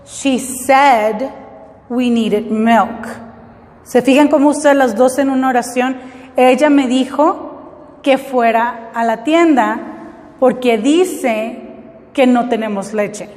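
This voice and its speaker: Teacher lady, talks real slow and patient, explains bit by bit, roomy echo. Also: sits high, darkish tone. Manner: patient, explains step by step with frequent checks. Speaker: English teacher. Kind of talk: classroom lesson.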